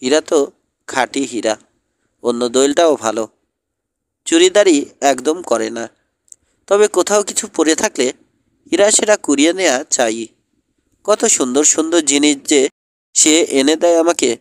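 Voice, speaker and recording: A man's voice: a little high, expressive, unhurried, long pauses, no echo. A man voicing an eccentric bird-loving old lady. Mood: doting. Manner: sing-song, fussy. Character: eccentric older woman who loves birds and pearls.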